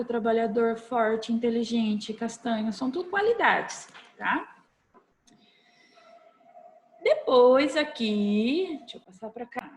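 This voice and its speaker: A woman with a Brazilian accent gives a recorded lesson to children, her voice slightly high. She is patient and coaxing, checking in often with little questions. She speaks into a computer mic at her desk. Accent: Brazilian Portuguese. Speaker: primary school teacher. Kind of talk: recorded online class for children.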